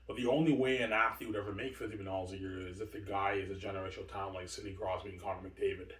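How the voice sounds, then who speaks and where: A video host in his forties rambles through a long monologue, repeating himself, stumbling over words, and answering his own questions. His voice sits low and a bit bright with fairly even intonation, racing along, recorded far from the mic in an echoey room.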